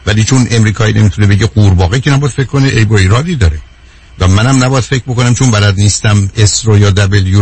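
Husky-voiced Iranian man lecturing on radio. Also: lowish voice, darkish tone. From Iran. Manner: emphatic, lecturing with rhetorical questions. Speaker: radio show speaker. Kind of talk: radio talk show monologue.

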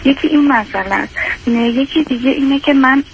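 A woman in her thirties calling an advice show, who talks hesitantly and anxiously with many pauses. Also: sits high, gravelly, a little hiss or hum. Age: 30s. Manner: hesitant and anxious, full of fillers and restarts. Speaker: caller. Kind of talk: call-in advice. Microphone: phone line. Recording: dull phone-line sound.

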